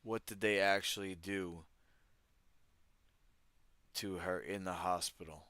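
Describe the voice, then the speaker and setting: A man's voice: low-pitched, fairly even intonation, slow, bright, forceful tone, no room sound. A man hosting a livestream, reading news stories aloud and riffing on them with wry, irreverent asides to his chat. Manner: reads articles aloud, then riffs on them. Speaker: livestream host. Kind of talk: casual news commentary.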